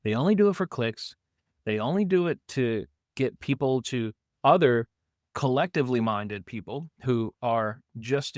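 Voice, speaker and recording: A man's voice: mid-range voice, dry recording, clean studio sound. A man hosting a reaction video, commenting emphatically on a debate clip and asking rhetorical questions.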